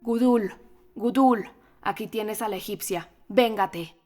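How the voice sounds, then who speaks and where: A woman's voice: medium pitch, steady tone, normal speed, soft background music, natural voice. A woman voicing a menacing, vengeful male priest with a harsh, commanding delivery in an audiobook.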